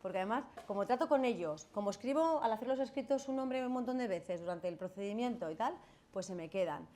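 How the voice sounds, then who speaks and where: Here a Spanish-accented lawyer, a woman, talks at a quick, animated clip in a mellow mid-range voice. It's a casual lecture in a classroom, where she keeps checking with students through "¿vale?" and "¿no?" and performs the voices of the people she quotes.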